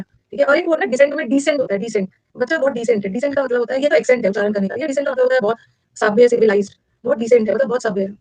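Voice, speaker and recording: A woman's voice: fairly high pitch, darkish tone, no echo, poor audio. An Indian woman teaching English vocabulary in a chatty live online class, mixing Hindi and English as she explains words. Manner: fast, chatty, switches between Hindi and English. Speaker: English teacher for competitive exams.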